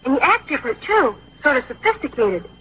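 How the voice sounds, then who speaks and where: High-voiced awkward young schoolboy, played by a woman. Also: very animated, brisk, husky, heavily acted. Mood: bashful. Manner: hesitant, stammering. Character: earnest, awkward, naive young teenage schoolboy. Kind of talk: old-time radio comedy acting. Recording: dull lo-fi old radio recording.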